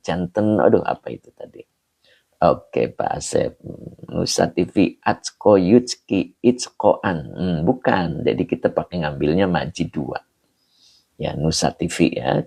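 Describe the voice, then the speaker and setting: A man with a warm, low voice teaches an Islamic text over livestream, unpacking Arabic words slowly and welcoming commenters by name. He's slightly hoarse and occasionally clears his throat.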